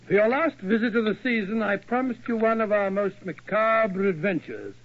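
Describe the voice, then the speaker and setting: A man's voice: sits high, animated, moderate pace. A man acting a genial, fussy older English doctor with a British accent, in 1940s radio style. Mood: genial, storytelling. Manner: bluff, chatty, fussy. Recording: dull, lo-fi old radio recording.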